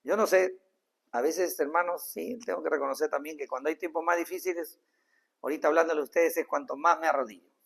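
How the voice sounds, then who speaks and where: A man preaching a sermon as pastor, earnest, acting out short dialogues and swinging between loud rises and soft drops. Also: on the high side, fast talker, gravelly, breathy edge. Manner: acts out little dialogues in changed voices.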